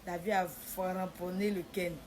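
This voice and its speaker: A woman's voice: lowish voice, moderate pace, background noise. A woman telling her own story, acting out what people said in a shifting voice. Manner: animated, acts out the dialogue in a shifting voice. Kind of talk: personal storytelling.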